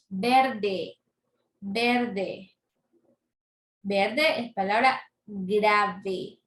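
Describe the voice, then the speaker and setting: Woman teacher, fairly high voice, slow and patient, repeats each word, echoey room. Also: a bit bright, slight background noise. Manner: patient, repeats words and syllables aloud. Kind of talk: slow classroom lesson.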